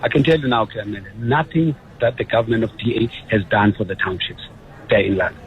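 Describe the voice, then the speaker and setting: A man with a South African accent calling in to a radio show, emphatic and complaining, with loud rises in his voice. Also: fairly low pitch, fairly quick. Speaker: radio caller. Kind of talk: phone-in opinion. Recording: lo-fi phone line.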